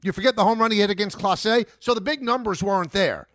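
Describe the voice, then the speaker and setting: Emphatic high-voiced radio host, man. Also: quick pace, fairly bright tone. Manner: emphatic, argumentative, repeats points. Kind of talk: sports talk radio.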